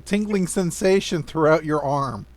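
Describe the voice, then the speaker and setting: A man running a tabletop game as game master, narrating haltingly. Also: a little high, dry recording.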